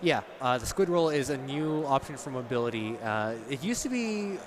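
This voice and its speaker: A man's voice: mid-range voice, lively intonation, normal speed, crowd noise. A man doing live esports commentary, chatty and explaining game mechanics with a laugh.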